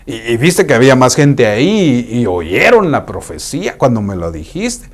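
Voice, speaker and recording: A man's voice: mid-range voice, very animated, moderate pace, voice pushed down. A preacher voicing a reproachful king.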